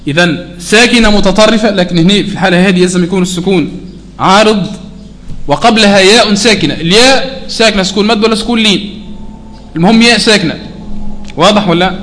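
A man with a high voice teaches a Quran recitation lesson. He explains the rules conversationally, slows right down to chant each example, and keeps asking his students whether it is clear. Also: fairly bright tone. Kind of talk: tajweed lesson.

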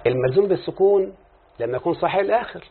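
With a high-pitched, expressive voice, vocal fry, and a racing pace, a man with an Egyptian Arabic accent teaches grammar using examples and frequent checks that the listener follows. The classroom lecture is recorded in a muffled, phone-like way, with slight background noise.

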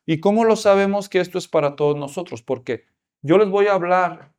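Man, preacher, sermon, high voice, rhetorical questions. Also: fairly quick, darkish tone. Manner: asks the congregation rhetorical questions.

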